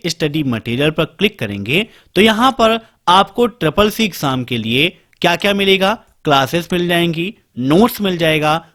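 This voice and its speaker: A man teaching an exam-prep lesson, briskly listing topics and speaking directly to students. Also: sits high, fairly bright tone. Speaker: computer exam tutor.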